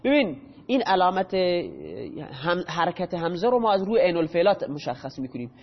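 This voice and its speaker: High-voiced man teaching in an echoey hall. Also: very animated, breathy edge. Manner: explains step by step, quizzes students with questions. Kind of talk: classroom grammar lesson. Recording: dull audio with long hall reverb.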